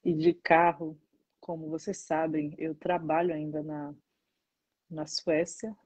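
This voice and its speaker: A woman in her thirties from Salvador with a Bahian Brazilian accent, chatting casually as a dance teacher answering viewer questions, animated and stressing words by slowing down. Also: low voice, slightly rough, no room sound. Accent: Bahian Brazilian Portuguese. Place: indoors, seated in front of a painted mural.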